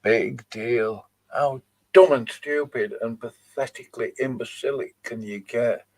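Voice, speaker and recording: Reacting to videos on his channel, a male host speaks at normal speed in a mid-range voice with a darkish tone. His live commentary on the clips he plays is dismissive and mocking.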